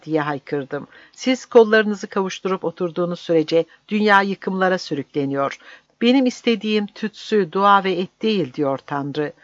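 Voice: mid-range voice, no room sound, lightly acted. A fervent young monk, as an audiobook reader puts him on, pleading and declaiming with rising fire. The voice sits around middle height and is recorded dry, with a slightly dull, muffled sound. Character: passionate young male monk turned partisan. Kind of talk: audiobook reading.

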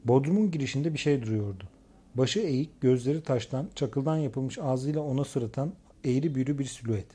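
A man reading a crime novel aloud in steady, measured scripted narration. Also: medium pitch, slightly rough. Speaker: audiobook narrator.

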